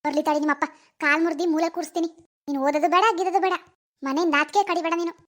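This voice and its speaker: Cartoon mother, enraged, voiced by a woman, very high and shrill, rattles off insults at speed. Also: steady tone. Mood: angry scolding. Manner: shrill, rapid scolding with insults. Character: furious village mother scolding her teenage daughter.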